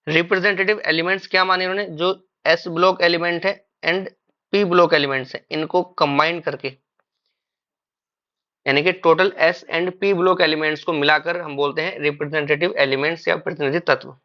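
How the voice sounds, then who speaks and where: A man's voice: on the high side, steady tone, brisk, muffled recording. A man teaching chemistry in a classroom-style lecture. He calls his students "beta", poses questions and answers them himself, and mixes English terms into Hindi.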